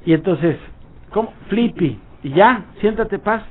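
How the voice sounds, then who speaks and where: A man's voice: high voice, lively intonation, measured pace. A Mexican man telling a rambling anecdote on a radio show, acting out bits of dialogue. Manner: rambling storytelling with acted-out dialogue. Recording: tinny phone-like sound.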